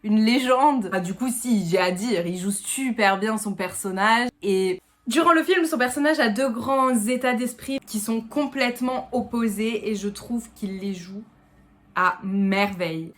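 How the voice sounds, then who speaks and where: A woman's voice: fairly high pitch, measured pace. A French woman giving a casual spoken film review in a chatty way, slipping English words into her talk. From France.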